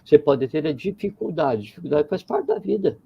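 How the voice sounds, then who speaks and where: A man's voice: a little high, big pitch swings, brisk, gravelly, husky, lo-fi sound. A man talking reflectively in a conversation, circling his points with repeated phrases and little parables. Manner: digressive, repeats phrases, tells parables with acted quotes.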